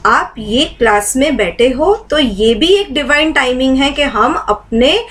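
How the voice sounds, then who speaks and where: A woman's voice: high-pitched, expressive, a little slow, a bit bright, rough recording. A woman teaching a live online meditation class. She keeps asking the class questions to walk them through her points. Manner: asks the class many rhetorical questions.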